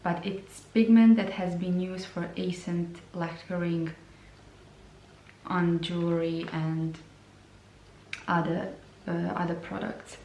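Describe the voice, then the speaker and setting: A woman reviewing lip products in a slow, hesitant way, often repeating her words. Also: lowish voice, level tone, warm tone, a little hiss or hum. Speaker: beauty vlogger. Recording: roomy sound from a distance.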